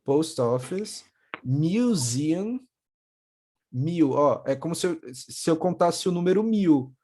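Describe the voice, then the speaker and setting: A young man with a Brazilian accent teaching English to children in a video call, patiently repeating words slowly. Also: on the high side, darkish tone. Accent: Brazilian Portuguese. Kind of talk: online class for children.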